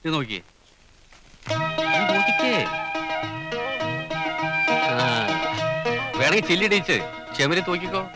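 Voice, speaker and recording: A boastful, chatty brother-in-law. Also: male voice, sits high, animated, a little slow, pauses often, over loud music, poor audio. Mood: teasing. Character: boastful, easygoing brother-in-law who likes a drink. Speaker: brother-in-law, boat race team captain. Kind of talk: film comedy acting.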